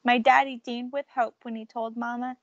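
A woman's voice: fairly high pitch, normal speed, no room sound, highs cut off. A woman reading a picture book aloud, telling the story expressively and raising or dropping her volume for drama. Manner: expressive, shifts loudness for drama. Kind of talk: read-aloud storybook narration.

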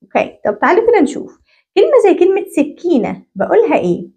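A woman with an Egyptian accent giving a teacher-training English lesson. She asks questions and answers them herself, and repeats English words slowly. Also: very high-pitched. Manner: animated, drawing out English words slowly for repetition.

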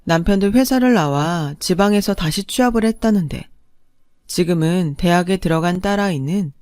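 A woman narrating her own story and playing the heroine in a radio drama, sharp in arguments and subdued in narration. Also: fairly low pitch, moderate pace, no echo, studio quality.

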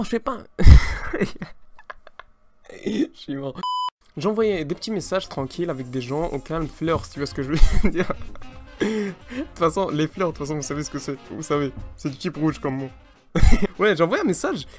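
A young man doing a comic rant to the camera, mock-angry and full of slang, breaking into laughter. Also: high voice. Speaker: comedy vlogger.

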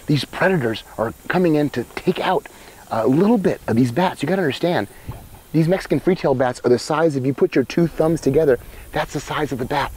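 A man, hosting a wildlife show outdoors by a cave, presenting with excited, emphatic showmanship on a lapel mic. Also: a little high, brisk, husky. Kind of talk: enthusiastic outdoor nature presenting. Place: outdoors by a cave in open country.

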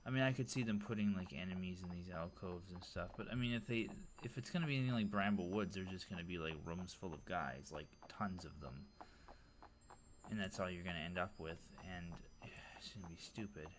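A man's voice: low voice, fairly quick, a little hiss or hum. A man giving a casual, rambling tour of a game level, full of fillers and enthusiasm. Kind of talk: casual gameplay commentary.

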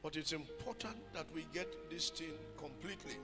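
A man preaching a fervent sermon into a pulpit microphone, now and then breaking into loud sung cries. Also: on the high side, moderate pace. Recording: long hall reverb with music behind.

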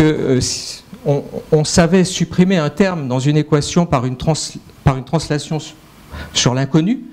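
An older man lectures at an academic conference, pausing often with fillers and restarting his sentences. His voice sits fairly high yet sounds dark and mellow. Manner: hesitant, many fillers and restarts. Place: lecture hall.

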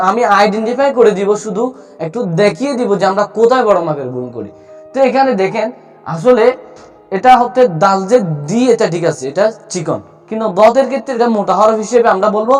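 Male teacher, high voice, patient repeating drills, soft music under the voice. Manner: explains slowly, repeats letter sounds for drill. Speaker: Quran recitation teacher. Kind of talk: spoken tutorial.

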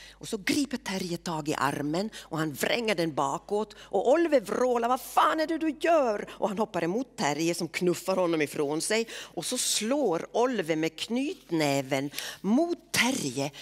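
A woman reading literary prose aloud in a measured, expressive way. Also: fairly low pitch. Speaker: reader.

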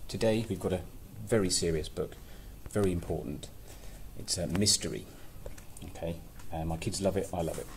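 In a small, plain, office-like room, a man in his thirties reads a children's picture book expressively in a low voice at a moderate pace. Between passages he drops playful, chatty asides, and the recording has clear room noise.

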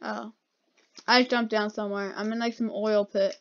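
A woman's voice: mid-range voice, little pitch movement, moderate pace. A woman giving casual gameplay commentary, her speech slightly altered by wearing dental retainers. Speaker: gamer hosting a playthrough. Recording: dull lo-fi mic, keyboard clicks.

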